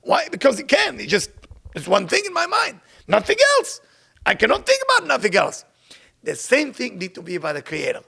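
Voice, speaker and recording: The voice here is extremely high, swinging hugely in pitch, with vocal fry and a bright, forceful, slightly rough edge. He is a Kabbalah teacher with an Israeli accent, leading a casual spiritual lesson built on storytelling and repeated phrases. He rushes through Hebrew text whenever he recites it.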